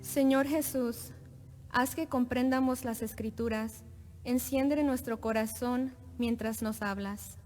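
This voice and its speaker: A woman reading scripture as a lector at Mass, solemn, formal and deliberate, in a cathedral echo. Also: on the high side, fairly even intonation, darkish tone, soft background music. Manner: deliberate, formal, pausing between phrases. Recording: cathedral echo, long reverb, faint noise.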